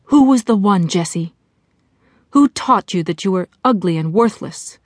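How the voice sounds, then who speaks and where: A woman's voice: mid-range voice, expressive, measured pace, a little mellow, dry recording, studio quality. A woman voicing a blunt, no-nonsense inner voice of an old female friend, talking furiously and with scorn. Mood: scornful. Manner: furious, disgusted, hectoring.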